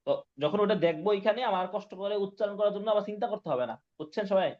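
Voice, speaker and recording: A man teaching Quran reading in an online class, patiently spelling out syllables slowly and repeating each word. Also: high-pitched, lo-fi sound. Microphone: online class call mic.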